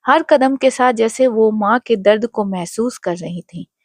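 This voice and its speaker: A woman narrating a devotional story in a measured, emotional way. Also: fairly high pitch, darkish tone, dry recording, clean studio sound.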